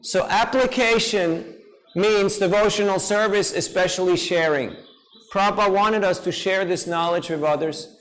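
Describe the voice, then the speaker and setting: A man giving a devotional talk to a seminar audience, lively and playful, often putting questions to the listeners. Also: high voice, low-quality recording. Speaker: speaker at a seminar.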